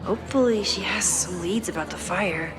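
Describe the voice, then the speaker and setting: With music behind her, a woman voices a thoughtful, caring young woman in a video game, a quietly burdened photographer with powers, in inner monologue and casual dialogue. Her lowish voice is lightly acted, moderately paced, understated and introspective, with a musing mood.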